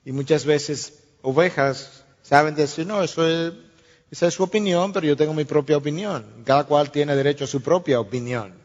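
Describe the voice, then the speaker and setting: A man's voice: fairly high pitch, a little mellow. A man preaching a sermon as a pastor, earnest and teaching through illustrations and rhetorical questions. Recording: reverberant hall, dull lo-fi sound.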